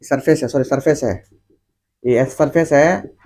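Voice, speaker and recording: A man's voice: fairly high pitch, measured pace, darkish tone. A male teacher giving a class lecture, repeating key words and asking the class questions that he answers himself. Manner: repetitive, asks questions and answers them himself; informal, addresses students directly.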